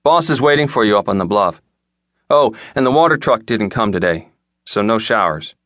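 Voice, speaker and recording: A man's voice: fairly low pitch, expressive, moderate pace, a bit bright, no echo, studio quality. A male narrator voicing a man casually passing on a message, in an audiobook.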